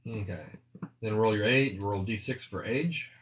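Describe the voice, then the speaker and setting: A man's voice: lowish voice, a little slow, noisy background. A man acting as game master, explaining the rules step by step during character creation. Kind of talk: running a tabletop character creation.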